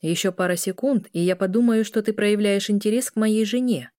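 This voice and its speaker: A woman's voice: medium pitch, fairly even intonation, a little fast, dark tone, dry recording, clean studio sound, close to an everyday voice. A woman voicing a playful young man who teases the others with laughing jabs. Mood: teasing.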